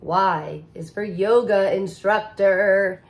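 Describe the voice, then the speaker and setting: This is a woman teacher in her thirties with a mid-range voice, reading slowly from a picture book to young children. She sounds expressive and sing-song, captured close to the camera in a living room with a couch, indoors.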